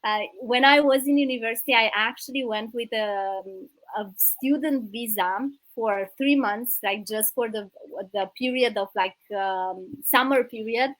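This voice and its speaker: A woman's voice: fairly high pitch, unhurried, dry recording, low-quality recording. Romanian woman telling her story, fillers. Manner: warm, grateful, hesitant with fillers. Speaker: guest, business coach. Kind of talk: casual interview storytelling.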